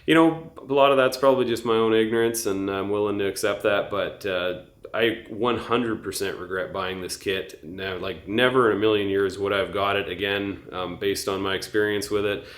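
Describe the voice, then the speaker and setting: A man's voice: on the low side, moderate pace, reverberant. A man giving a casual, candid truck-build update vlog, hesitant and full of fillers.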